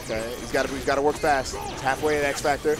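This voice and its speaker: A man giving casual, excited fighting game announcer commentary in a playful, slangy way, full of short interjections. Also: medium pitch, fast. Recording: game music under the voice. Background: video game music and effects.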